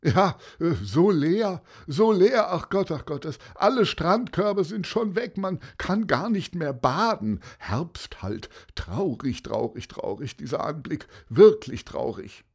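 A man's voice: fairly high pitch, animated, takes it slowly, few pauses, slightly rough, pitched above the performer's own voice, exaggerated voice. A man reading a storybook, voicing Martin Motzke, a gloomy pupil who whines, sighs and stammers. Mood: lamenting. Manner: whiny, sighing, stammering.

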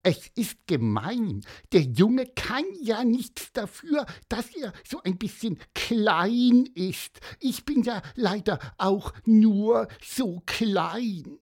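A man voicing a small, curious, cheeky bird with a high, squeaky, piping voice and a lively lilt. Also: takes it slowly, few pauses, heavily acted. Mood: sympathetic.

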